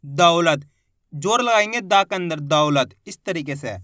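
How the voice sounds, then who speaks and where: A man teaching children to read, spelling out syllables slowly and stressing each whole word loudly, with quicker, quieter explanations in between. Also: high-pitched, expressive, no echo, clean studio sound. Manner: drawn-out syllables, rising loud on each finished word. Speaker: Hindi reading teacher. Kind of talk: slow spelled-out phonics lesson.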